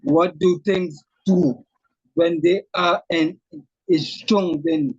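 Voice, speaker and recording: Man with a shaky, husky voice. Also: on the high side, steady tone, darkish tone, dry recording. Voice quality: voice shakes from throat muscle tremor. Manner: earnest, deliberate storytelling. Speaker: author guest. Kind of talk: personal testimony in an interview. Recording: muffled lo-fi call audio.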